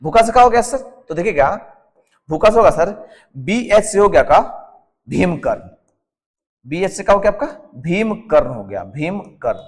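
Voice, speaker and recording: A man with a Jharkhand Hindi accent teaches an exam-prep whiteboard lesson built around a mnemonic, speaking high and sing-song at a moderate pace with a long reverb tail. He drills answers as questions, repeats each term again and again, and keeps adding a respectful "sir" for the students.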